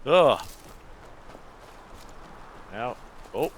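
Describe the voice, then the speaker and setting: A man chatting casually as he plays a game, with halting, restarted sentences. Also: medium pitch, expressive. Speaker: gamer. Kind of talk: casual gaming chat. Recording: faint noise behind voice.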